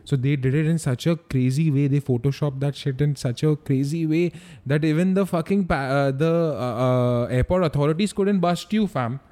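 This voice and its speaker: A man's voice: fairly high pitch, moderate pace, few pauses, mellow. A young man with an Indian accent chatting casually, using slang and often repeating phrases for emphasis. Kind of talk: casual chat.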